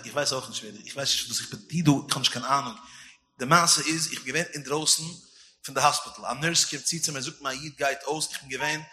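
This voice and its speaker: A man telling a dramatic story, moving between loud outbursts and hushed, quiet telling. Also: mid-range voice. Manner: swings from shouting to hushed, near-whispered telling.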